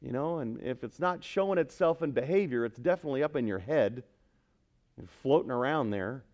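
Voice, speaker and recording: As pastor, a man preaches a sermon that swings between loud, emphatic exhortation and quiet earnestness, often putting questions to the congregation. His voice is medium-pitched with lively intonation, and he speaks a little fast.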